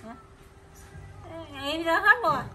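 A woman with a Mekong Delta Vietnamese accent chatting casually, mostly giving short, quick replies. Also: extremely high pitch, bright, forceful tone, soft background music. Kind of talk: casual chat.

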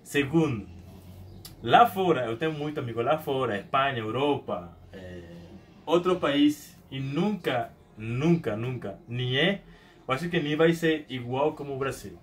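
A man's voice: mid-range voice, a little slow. A young man from Venezuela with a Venezuelan Spanish accent, a Spanish native speaker, talking casually to camera in a small room at home, hesitant with many restarts and repeated words. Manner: animated hand gestures. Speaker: YouTuber.

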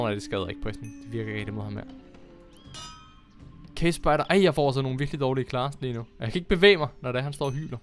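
A young man chatting casually as he plays a game on his channel, excitable and quick to laugh. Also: mid-range voice. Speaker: gaming YouTuber. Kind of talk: casual Minecraft commentary.

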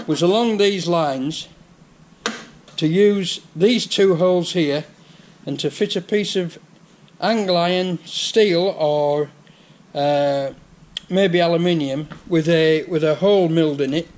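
A slightly high, slightly mellow voice belongs to an older English vlogger with a Yorkshire accent. Wearing a head-mounted action camera in his garage workshop, he chats casually, explaining a repair step by step.

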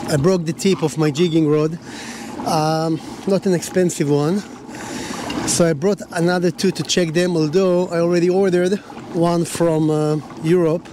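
An Israeli man, a native Hebrew speaker, vlogs from his kayak out at sea, speaking halting English with plenty of "uh"s and restarts. His voice sits a bit higher than most men's. Wind and water noise come through clearly on the action camera mic. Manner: halting, many fillers and restarts. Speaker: fishing vlogger. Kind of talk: casual talk to camera.

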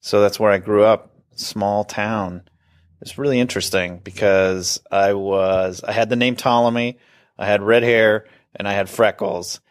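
Self-deprecating middle-aged man, low voice. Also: steady tone, measured pace. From Northern California. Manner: self-deprecating, rambling with restarts. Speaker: actor guest. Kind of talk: casual interview chat.

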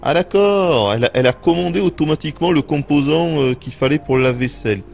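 A man's voice: fairly high pitch, fast talker, vocal fry, a little mellow, faint music behind. A man streaming a video game, joking crudely and reacting in casual let's play commentary.

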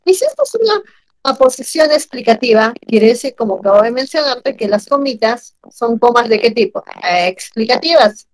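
A woman teaching grammar in an online class, animated and asking her students questions often. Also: on the high side, moderate pace, dry recording, poor audio.

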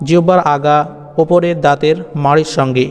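A man teaching Arabic letter pronunciation in an online lesson, speaking patiently and repeating each sound with a drawn-out chant. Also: a little high, fairly even intonation, darkish tone, clear, resonant tone, long reverb tail. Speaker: Quran teacher.

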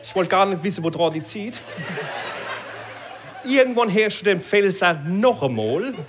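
A man's voice: high voice, animated, unhurried, fairly bright tone, a little hiss or hum. A male stand-up comedian with a Palatinate accent, chatting on stage and tagging sentences with gell. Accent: Palatinate German. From Palatinate, Germany. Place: live stage before an audience.

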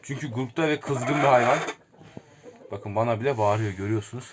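A man's voice: mid-range voice, fairly quick. A man casually showing viewers around his outdoor chicken coops, chatting to them as friends and calling out to his birds. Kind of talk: casual vlog narration. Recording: noisy outdoor audio with chickens clucking and roosters crowing. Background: hens clucking and roosters crowing.

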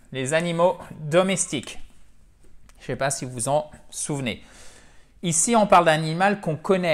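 A man teaching English to camera, lively, clapping and slowly repeating words to stress them. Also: mid-range voice. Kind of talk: spoken language lesson to camera.

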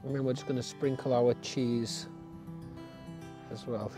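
A man's voice: mid-range voice, little pitch movement, unhurried, over music. A middle-aged man from England, walking through an outdoor cooking tutorial in a friendly, step-by-step way, recorded outdoors in woodland. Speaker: family nature educator.

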